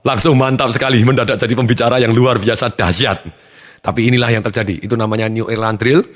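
Man, motivational trainer, energetic, very quick delivery, long hall reverb. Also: medium pitch. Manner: energetic, acts out his students' lines. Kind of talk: seminar talk.

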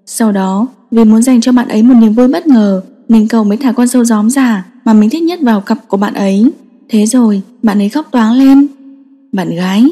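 Lady reading a story, kinda high voice, reverby sound. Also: mellow. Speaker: narrator. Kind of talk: scripted audiobook narration. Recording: long reverb.

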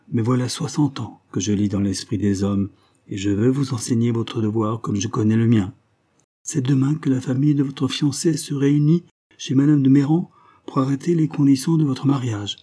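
A man reading the part of a stern, authoritative old soldier in a measured, solemn manner. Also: mid-range voice, mellow, pitched above the performer's own voice, natural voice.

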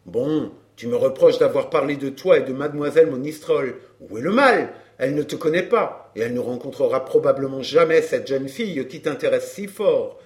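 A man's voice: mid-range voice, animated, normal speed, hardly any pauses, lightly acted. A man playing a brash, chatty flirt. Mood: glib. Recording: roomy echo.

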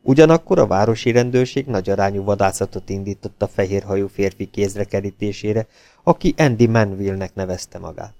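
A man's voice: fairly low pitch, dry recording. A man reading a crime novel aloud as an audiobook narrator, telling the story steadily. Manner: steady storytelling with lively dialogue voices.

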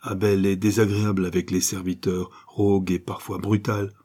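Audiobook role: anxious older father, husky, measured, read by a man. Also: low-pitched, level tone, mellow. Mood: troubled. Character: anxious father, reasoning and troubled.

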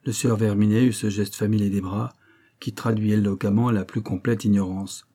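Narrateur à la voix grave et sombre. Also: male voice, on the low side, little pitch movement, moderate pace, mellow. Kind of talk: audiobook narration.

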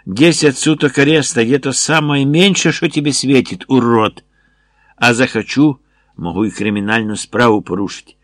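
A man voicing a brash, bullying male militia major who shouts and mixes Russian words into his speech, in an audiobook. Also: mid-range voice, normal speed, no echo, clean studio sound, natural voice. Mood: threatening.

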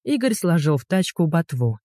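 A narrator reading a story in lively, expressive scripted narration. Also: mid-range voice, normal speed, dry recording, clean studio sound.

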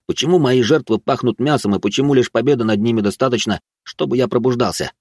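A man's voice: mid-range voice, quick pace, darkish tone, breathy edge, dry recording. A man narrating an audiobook in the first person with dry, sardonic storytelling.

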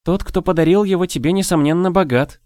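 A man voicing a lively, curious young woman who chatters and asks eager questions in an audiobook. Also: medium pitch, a little fast, no room sound, studio quality, pitched above the performer's own voice, lightly acted. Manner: eager, prying, excitable.

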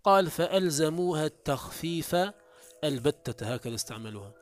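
A man gives a classical text commentary lesson on Arabic morphology, reading passages aloud and walking through them step by step. He speaks expressively and a little fast, and his pitch jumps up whenever he introduces a quote.

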